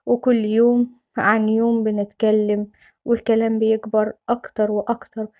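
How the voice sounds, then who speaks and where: A woman with an Egyptian accent telling a first-person story in a quick, steady narration. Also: a little high, muffled recording. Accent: Egyptian Arabic.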